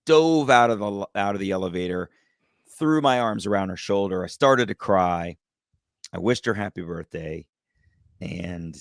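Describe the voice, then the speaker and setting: A man telling a personal story as a podcast guest, lively and acting out the voices of the people in it. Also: lowish voice, creaky, no room sound, clean studio sound. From United States. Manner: animated, acts out quoted voices. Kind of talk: storytelling in a casual interview.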